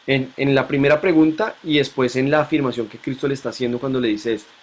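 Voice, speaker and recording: A man's voice: mid-range voice, fast talker. A man teaching a Bible lesson to a class, asking questions and repeating key points.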